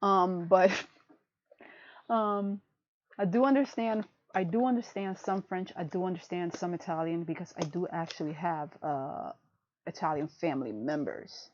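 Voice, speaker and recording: On muffled, lo-fi livestream audio from a desk mic, a podcast co-host with a lowish voice speaks a little slowly. She rambles in casual chat, laughs frequently, and leans heavily on the word "freaking".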